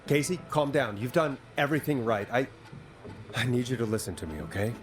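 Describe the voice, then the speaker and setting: Man acting a steady, earnest male radio host. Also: mid-range voice, brisk, natural voice. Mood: steady, reassuring. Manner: steady, reassuring, directive. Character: calm, earnest male late-night radio host guiding emergency calls. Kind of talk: dramatic video game acting. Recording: clear music behind the voice.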